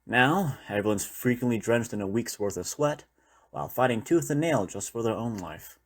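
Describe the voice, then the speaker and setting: In an intimate, one-sided audio roleplay, a man plays a weary former doctor surviving a zombie apocalypse, talking reflectively and conversationally to a trusted partner. His mid-range voice is expressive and close to everyday speech at a moderate pace. The mood is wistful and reflective.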